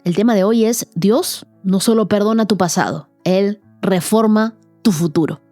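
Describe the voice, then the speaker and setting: Woman, devotional podcast host, earnest, emphatic, warm tone, soft music behind. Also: medium pitch, no echo. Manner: earnest, emphatic, slows for key phrases. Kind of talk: devotional teaching and prayer.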